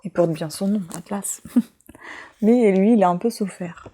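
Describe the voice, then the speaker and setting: A woman in her forties speaks French with a foreign accent in a mellow, medium-pitched voice at a measured pace. As a vlogger in casual chat, she reads out book titles and tosses in asides, with a little hiss or hum on the recording.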